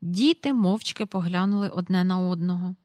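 A woman reading a storybook aloud in calm, even narration. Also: fairly low pitch, moderate pace, dry recording, clean studio sound. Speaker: audiobook reader.

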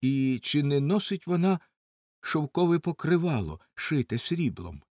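A blunt, rough outlaw yeoman speaks up in a raised voice, as a male reader puts him on. The delivery is forthright and direct, recorded dry and close. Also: a little high, very animated, unhurried, darkish tone, dry recording, pitched above the performer's own voice. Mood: questioning.

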